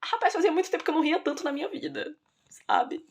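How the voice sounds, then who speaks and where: A young Brazilian woman who teaches children, telling stories in a casual, lively, self-mocking way with a Brazilian accent. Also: very high voice, fast talker, creaky. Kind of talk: casual storytelling vlog.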